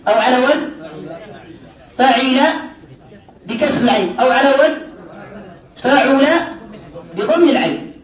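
High-voiced man teaching a class. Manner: quizzes the class often, slows down to stress word patterns. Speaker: teacher of Arabic morphology. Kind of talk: classroom lesson. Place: classroom with students. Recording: roomy classroom from a distant mic with class murmur.

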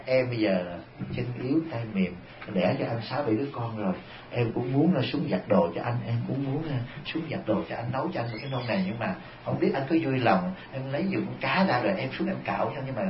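A man voicing a sweet-talking wife who gently pleads with her husband for help, heard in an echoey, dull recording. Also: medium pitch, animated, fast talker, background noise, voice pushed down, close to an everyday voice. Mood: coaxing softly. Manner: soft, pleading, wheedling.

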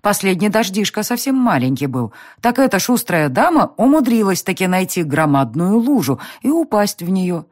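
A busy motherly housekeeper who chatters and grumbles fondly about a naughty child, as a woman reading the audiobook puts her on. She sits a little higher than the narration, with a lively, lilting tone. It is a storybook telling. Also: normal speed, hardly any pauses, no echo, studio quality. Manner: chatty, mock-complaining. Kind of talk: audiobook character voice.

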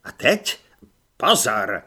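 A man voicing a gruff, bullying male army corporal in an audiobook, barking scornful orders. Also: medium pitch, sing-song, pushed and bright, heavily acted.

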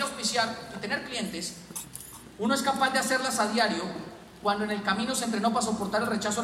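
A man giving an animated motivational seminar talk full of stories and jokes to a live audience. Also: very high-pitched. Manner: animated, storytelling, jokes with the crowd. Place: large hall with an audience. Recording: echoey hall, distant mic, crowd and noise.

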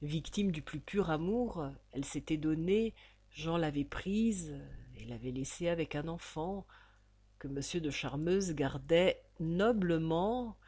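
A woman narrates an old novel aloud, slowly and theatrically. She leans into each dramatic phrase with measured weight. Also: low voice, breathy edge. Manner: expressive, theatrical. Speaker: audiobook reader.

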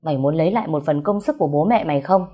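A woman's voice: low-pitched, racing, warm tone, husky. Woman playing a coarse joking young man. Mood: rough. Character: blunt joking young man, rough friend.

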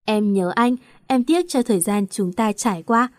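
A torn, tearful young woman from a romance audiobook, voiced by a woman reader. She speaks in an emotional, questioning lament. The voice sits at a middle pitch with a dry, close sound. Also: moderate pace, dry recording, lightly acted. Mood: longing.

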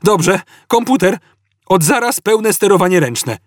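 A man voicing a brash, excitable male spaceship captain in an audiobook, loud and boastful. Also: high-pitched, unhurried, no room sound, studio quality, voice pushed up.

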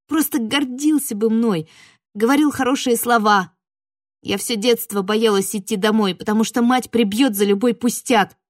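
Woman, audiobook narrator, first person, dramatic reading, bright-ish voice. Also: a little high.

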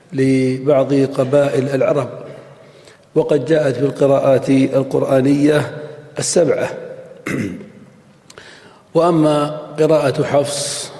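Mellow-voiced male scholar lecturing in a hall. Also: medium pitch. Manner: measured and didactic, repeats examples and clears throat. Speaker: Islamic scholar teaching Arabic morphology. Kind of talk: classroom lecture explaining a text. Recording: echoey hall with long reverb.

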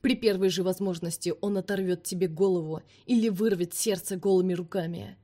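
A woman voicing a fierce, scornful vampire man in an audiobook, speaking forcefully and commandingly. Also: on the low side, fairly even intonation, brisk, natural voice. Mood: harsh.

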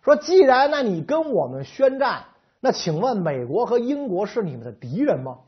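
A man's voice: high-pitched, big pitch swings, normal speed, husky, voice pushed up, full character voice. A man playing a flustered, stammering new secretary. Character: flustered young male office secretary, new on the job. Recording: slightly dull lo-fi recording.

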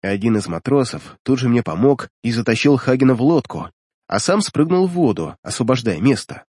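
A man reading a first-person fantasy audiobook with an animated, dramatic delivery, close to the mic. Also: medium pitch, brisk, breathy edge, no echo. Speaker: audiobook narrator.

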